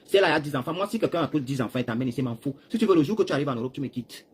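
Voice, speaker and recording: A Cameroonian man rambling through a live stream, talking straight to his viewers and swinging between loud bursts and hushed asides while seated. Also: on the high side, expressive, very fast, slightly rough. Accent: Cameroonian French. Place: seated, chair.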